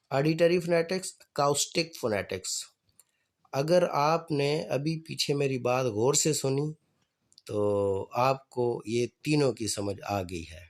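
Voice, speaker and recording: A man with a Pakistani accent giving a phonetics lecture, repeating key terms, quizzing his listeners and reading English definitions slowly. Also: fairly high pitch. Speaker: teacher.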